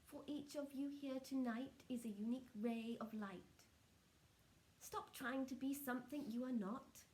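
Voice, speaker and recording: A woman speaking as a trance channelling seance medium, solemn and measured, delivering spiritual messages in short halting phrases. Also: high-pitched, darkish tone.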